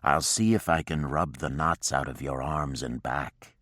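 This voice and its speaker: A man's voice: extremely low pitch, fairly even intonation, a little slow, fairly bright tone, dry recording, studio quality. A man voicing a stern, patient frontiersman in an audiobook, speaking in a curt, matter-of-fact way.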